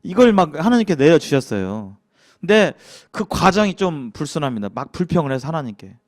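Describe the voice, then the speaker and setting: Lively Jeolla-accented man teaching Bible. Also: on the high side, a little fast. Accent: Jeolla Korean. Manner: lively, acts out grumbling quotes, chuckles, asks the class questions. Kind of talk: casual church lecture.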